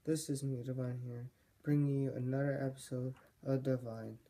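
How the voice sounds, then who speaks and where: A male vlogger talking casually to his viewers in a rambling, jokey way, correcting himself often, his voice going hoarse. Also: mid-range voice, little pitch movement, moderate pace, dark tone. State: losing his voice. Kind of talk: casual vlog monologue.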